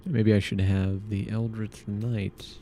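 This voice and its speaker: A man's voice: lowish voice, little pitch movement, takes it slowly, dark tone, slight background noise. A man streaming a game, muttering casual commentary and encouraging himself.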